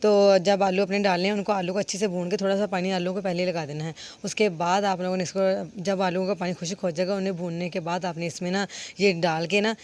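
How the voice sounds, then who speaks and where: A woman's voice: on the low side, fairly even intonation, fast talker, darkish tone. A woman hosting a casual home cooking vlog from a village kitchen, chatty and addressing her viewers as friends. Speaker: cooking vlogger.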